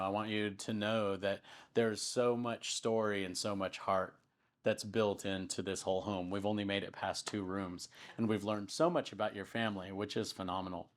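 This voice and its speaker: Low-voiced male interviewer, easygoing. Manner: affirming, frequent yeah and okay. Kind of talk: casual interview on a tour.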